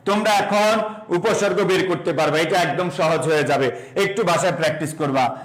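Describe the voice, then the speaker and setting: A man's voice: on the high side, normal speed. A young man with a Bangladeshi Bengali accent teaching a live online admission-prep lecture, asking questions and answering them himself, with English words mixed in. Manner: call-and-response drilling, repeats questions and answers them himself; mixes English words into speech. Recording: echoey room.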